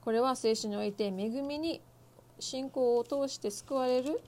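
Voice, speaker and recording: Female interpreter, fairly high voice, works in quick bursts with fillers; light hum in the background. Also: a little mellow. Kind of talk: consecutive interpreting of a Bible lesson.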